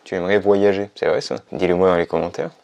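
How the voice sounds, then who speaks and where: Low-voiced man teaching a Spanish lesson. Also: a little mellow, highs cut off. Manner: clear, patient explanations with slow repeated examples. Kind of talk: scripted lesson to camera.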